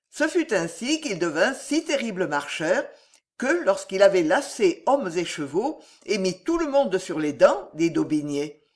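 Woman narrator, animated lively pitch, audiobook reading of historical prose, measured and expressive.

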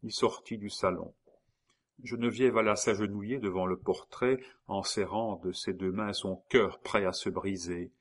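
A man narrating a novel aloud in a measured, hushed way. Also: on the low side, steady tone. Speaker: audiobook narrator.

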